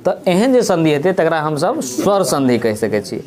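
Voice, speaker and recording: A man's voice: fairly high pitch, big pitch swings, moderate pace, a little mellow. A man with a Maithili accent giving a grammar lesson, explaining step by step and answering his own questions. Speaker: teacher. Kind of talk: grammar lesson for school students.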